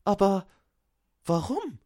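A man voicing a young female elf lamplighter in a storybook, lifting his voice high and breathless. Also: huge pitch swings, takes it slowly, warm tone, full character voice. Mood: puzzled.

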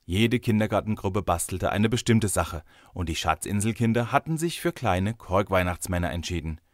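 A man reading a story aloud in a lively, expressive storytelling manner. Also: sits low, normal speed, no echo, studio quality. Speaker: narrator.

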